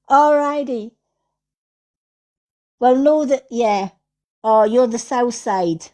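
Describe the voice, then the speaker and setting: Slow and warm, with a voice on the high side, this Scottish psychic medium hosts a livestream of casual spiritual readings. She speaks affirmingly, repeats herself, and keeps tagging lines with "right?"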